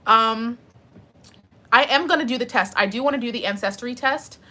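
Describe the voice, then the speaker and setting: Woman streamer, young adult, casual chat, bright forceful tone, chatty. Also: on the high side, moderate pace. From United States. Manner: chatty, animated, answers chat questions. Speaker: live streamer.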